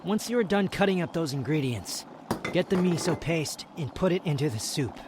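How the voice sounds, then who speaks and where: A man's voice: a little high, animated, moderate pace, background noise, lightly acted. A man playing a proud, prickly young wanderer who hides his affection, curt and scornful, in a scripted ASMR roleplay spoken to the listener. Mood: bossy, instructive. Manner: haughty, curt, scornful, defensive.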